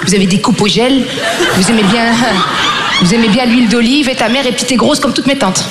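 A Belgian woman doing stand-up comedy on stage fires back sassy, laughing retorts, speaking a little fast in a voice on the high side. It is a live show before a loud audience, recorded on a stage mic over the crowd and very noisy.

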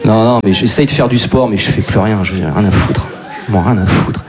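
At a live show in front of an audience, a man in his forties performs crude, brash stand-up full of self-deprecation. He speaks with a fairly low pitch at a moderate pace.

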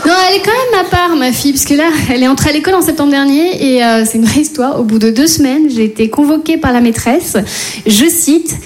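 A woman's voice: high voice, a little fast. Wry woman comedian with a noisy recording. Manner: wry, self-mocking storytelling. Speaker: stand-up comedian. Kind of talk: stand-up routine.

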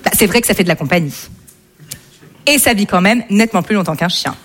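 A woman doing stand-up comedy, delivering absurd ideas in a mock-serious, deadpan tone. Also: medium pitch, quick pace. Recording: live show with crowd and noise.

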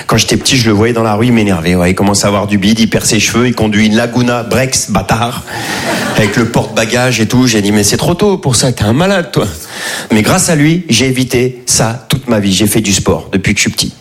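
This is a man in his forties with a lowish voice and brisk delivery, performing a stand-up routine. He's chatty and self-mocking on a comedy stage before an audience, recorded at a live show with a loud crowd.

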